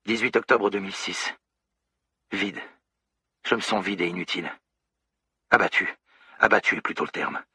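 A man voicing a lost, amnesiac young woman recording a halting, introspective voice diary in an audiobook. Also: low voice, fairly even intonation, bright, forceful tone, breathy edge, no echo, clean studio sound, voice pushed up, full character voice. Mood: anxious, despairing. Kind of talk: audiobook character voice.

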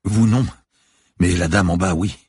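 A man's voice: low voice, unhurried, darkish tone, breathy edge, dry recording, clean studio sound, pitched above the performer's own voice. A man reading an audiobook, voicing a nervous male cathedral sacristain who explains himself anxiously. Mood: earnest. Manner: anxious, pleading, explaining hurriedly.

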